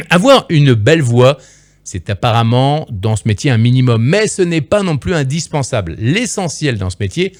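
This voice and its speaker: Animated, playful male voice-over coach. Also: medium pitch, moderate pace, no echo, studio quality. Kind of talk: direct-to-camera advice lesson.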